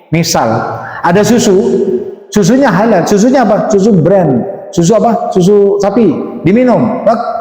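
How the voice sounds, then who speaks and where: Guy giving a sermon, high pitched, lots of questions at the crowd, roomy echo. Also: darkish tone. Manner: rhetorical questions to the audience. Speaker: preacher. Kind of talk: Quran commentary sermon. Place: mosque or religious school hall. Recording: echoey hall reverb.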